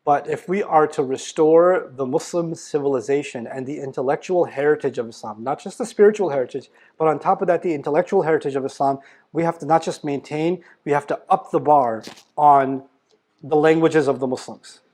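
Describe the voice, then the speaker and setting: Speaking a little fast in a highish voice with a darkish tone, an Islamic lecturer gives a motivational talk. He's blunt and forceful, peppering listeners with rhetorical questions and gentle teasing.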